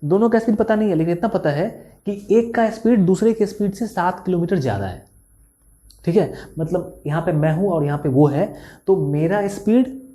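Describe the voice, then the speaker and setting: A man doing A young Indian tutor talks students through word problems in a casual, joking way. His voice is tired and quiet, with a warm, dark tone. He speaks close to the mic. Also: sits high, lively intonation. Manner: chatty, teasing, talks straight to students, reads problem text aloud slowly. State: tired, speaking softly after a full day of recording. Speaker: maths tutor. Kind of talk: casual classroom explanation while writing on a board.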